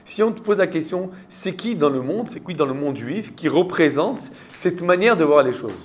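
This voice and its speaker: A man's voice: on the high side, lively intonation, moderate pace. A man with a French accent, a rabbi giving a Torah class and quizzing his students with rhetorical questions.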